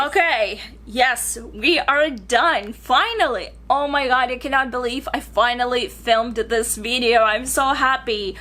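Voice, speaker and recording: A woman's voice: high-pitched, bright, forceful tone. A young woman from Bulgaria chatting enthusiastically through her book reviews in a casual vlog.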